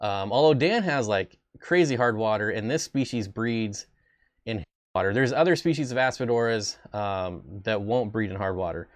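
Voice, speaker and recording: A man's voice: lowish voice, moderate pace, dry recording. Casual, rambling male fish-keeping host. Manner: rambling, self-deprecating, jokey asides. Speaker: aquarium channel host. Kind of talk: casual livestream chat.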